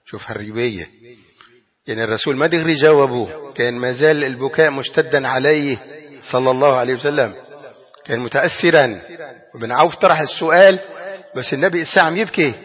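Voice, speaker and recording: A man with a Levantine Arabic accent giving a religious lesson, explaining a text with animated rhetorical questions. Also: mid-range voice, quick pace, big-room sound, highs cut off. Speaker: religious teacher.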